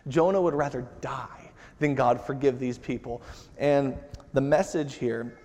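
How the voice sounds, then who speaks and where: A man preaches a sermon in a casual, conversational way, slipping into the voices of the people he quotes. His pitch sits in an ordinary middle range. The sound carries a long reverb from a church sanctuary. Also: measured pace, a little mellow, dull audio. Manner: conversational, acts out quotes with rising intensity.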